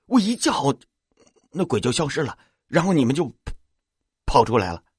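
Jittery, stammering young man, voiced high and animated, as the narrator puts him on. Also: normal speed, breathy edge, no room sound, clean studio sound. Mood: excited. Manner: stammering, repeating words.

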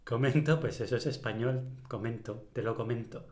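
A man's voice: medium pitch, normal speed, darkish tone, echoey room. Puzzled man guessing words, laughing. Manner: puzzled, laughs often, thinks aloud. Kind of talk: casual word-guessing game.

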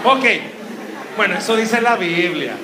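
A man's voice: high voice, lively intonation, measured pace. A young man preaching a sermon to a congregation, joking and quizzing the crowd with questions. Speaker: youth preacher. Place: church hall with a live congregation. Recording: roomy church hall echo.

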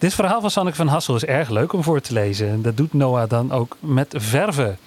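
Husky male presenter, lively intonation. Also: mid-range voice, normal speed. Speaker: presenter introducing a young reader. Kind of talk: lively scripted introduction.

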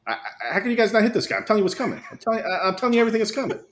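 A man voicing an exasperated old male baseball coach who yells and is baffled at his players. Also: high voice, very animated, very fast, slight background noise, pitched above the performer's own voice, full character voice. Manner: yelling, baffled, indignant.

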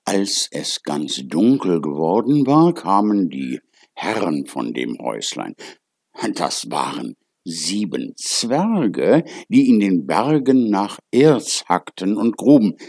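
A man reading a fairy tale aloud as a storyteller, with an expressive, lively delivery. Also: low-pitched, slow pace, vocal fry, no room sound, clean studio sound.

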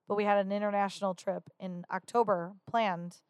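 A woman's voice: mid-range voice, fairly even intonation, a little fast, smooth, no room sound. A woman co-hosting a podcast, telling stories in a chatty, blunt way with some swearing. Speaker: podcast co-host. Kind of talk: casual chat.

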